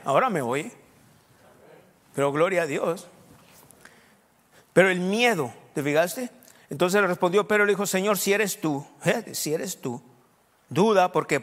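A man's voice: fairly high pitch, moderate pace, fairly bright tone, long reverb tail. A man preaching a sermon in a conversational way, often quizzing his listeners with questions.

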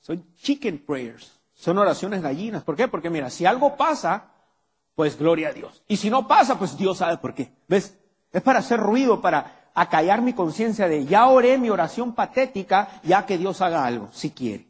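In a church hall with a long, echoing reverb, a male pastor delivers a sermon and throws rhetorical questions at the congregation. His high voice is very animated, with a breathy edge, at a normal speed.

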